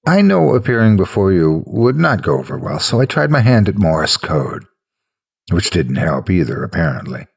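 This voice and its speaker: A courteous creature of the walls from a scary story, acted by a man, speaks in a deep and haunting voice. It sounds gravelly and apologetic, with formal, carefully polite phrasing. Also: very animated, moderate pace, heavily acted.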